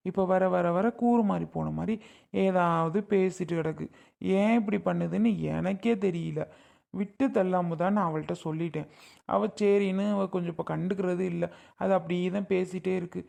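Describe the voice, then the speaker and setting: A man's voice: sits high, fairly even intonation, moderate pace, gravelly, darkish tone. A man playing a young husband who protests to his mother-in-law, pleading and exasperated. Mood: defensive.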